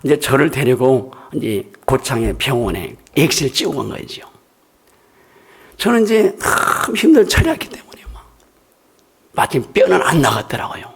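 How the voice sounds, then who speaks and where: A man's voice: medium pitch, big pitch swings, moderate pace, breathy edge. An older man, a pastor, preaching a sermon in a church in a conversational, emphatic storytelling way.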